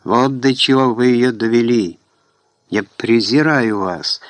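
A man reading aloud voices a proud older noblewoman who scolds her daughter with stern, scornful shouting. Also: medium pitch, slow, no room sound, natural voice. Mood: contemptuous.

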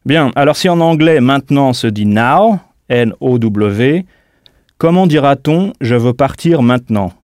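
A man teaching a scripted audio language lesson, speaking clearly and deliberately and spelling out words letter by letter. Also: mid-range voice, lively intonation, a little mellow, no room sound, clean studio sound.

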